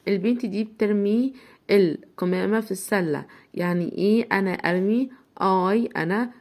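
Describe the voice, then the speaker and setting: A woman with an Egyptian Arabic accent teaching a children's English lesson, repeating each word slowly. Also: mid-range voice, a little mellow. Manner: slow, drawn-out repetition of words for children.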